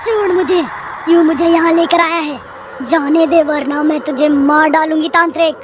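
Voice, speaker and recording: A woman voicing a vengeful female witch in a cartoon, with a shrill, threatening delivery. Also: steady tone, normal speed, crowd noise, lightly acted. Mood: shrieking. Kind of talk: cartoon voice acting.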